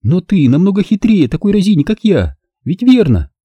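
A male audiobook reader voicing a seductive, scheming woman who purrs and coaxes in a breathy tone. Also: high voice, very animated, normal speed, warm tone, no echo, pitched above the performer's own voice, exaggerated voice. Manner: breathy, purring, coaxing. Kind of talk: audiobook character voice.

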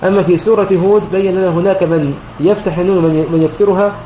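A man, a sheikh, explains a recitation poem line by line in a methodical way, often clearing his throat and correcting himself. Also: high voice, fairly even intonation, rapid-fire, warm tone. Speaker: sheikh teaching Quranic recitation. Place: online voice chat room. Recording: roomy, dull lo-fi online voice chat with faint noise.

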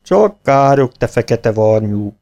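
Man doing a sneaky cheeky helper, snide and a bit gravelly. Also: medium pitch, very animated, darkish tone. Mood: sneering. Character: sly mischievous male kitchen helper.

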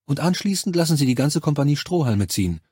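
A male audiobook reader voicing a brisk, practical female military doctor who talks in a firm, matter-of-fact way. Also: fairly high pitch, big pitch swings, a little mellow, breathy edge, no room sound, studio quality, voice pushed up. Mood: urging. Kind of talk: audiobook character voice.

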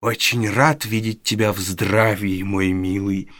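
A man voicing a sly old male gang leader who speaks softly and ingratiatingly. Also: fairly low pitch, fairly even intonation, a little slow, dry recording, clean studio sound. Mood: mock-polite. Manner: soft, ingratiating, mock-polite.

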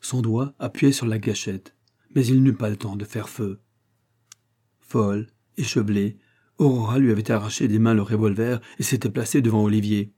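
A man reading a novel aloud in dramatic audiobook narration, with expressive rises and falls. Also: lowish voice, normal speed, breathy edge.

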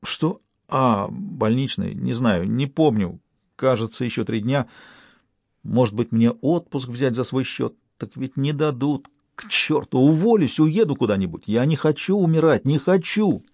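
A man's voice: mid-range voice, lively intonation, unhurried, creaky, darkish tone, dry recording. Man voicing a hysterical young clerk. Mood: panicked. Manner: hysterical, pleading. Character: panicky young male bank clerk. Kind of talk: audiobook reading.

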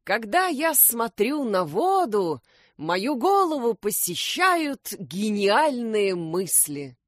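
A cheerful, self-assured animal detective from a children's story, read by a woman. He speaks slowly and surely, with a lively rise and fall in a dry, close sound. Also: fairly high pitch, dry recording, voice pushed up, full character voice. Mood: confident. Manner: confident, cheerful.

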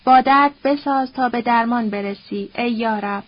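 A woman's voice: a little high, lo-fi sound, lightly acted. A woman voicing a bitter, scornful old nobleman who curses and quotes proverbs in a sneering, coarse, grumbling way.

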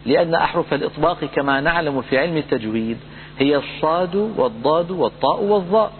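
A man teaching Quran recitation rules, patiently repeating points and slowly chanting example words. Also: on the high side. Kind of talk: lesson on tajweed rules. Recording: phone-like audio with hum and reverb.

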